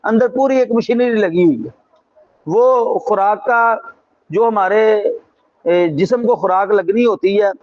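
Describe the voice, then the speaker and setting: A man's voice: high-pitched, lo-fi sound. A man teaching a Quran translation class with a Pakistani Urdu accent, reciting verses and explaining them with rhetorical questions and emphatic repetition. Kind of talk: religious class lecture.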